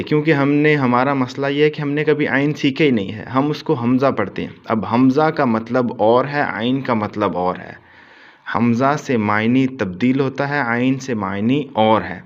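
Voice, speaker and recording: A man teaching correct Quran pronunciation, patiently repeating words slowly to show how the meaning changes. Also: mid-range voice, muffled recording. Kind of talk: explanatory Urdu lesson on Quran pronunciation.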